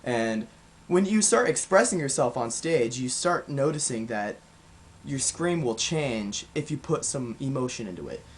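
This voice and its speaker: A young man talks through vocal technique in a relaxed video lesson, at a middling pitch. He rambles a little and fills pauses as he explains. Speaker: vocal coach.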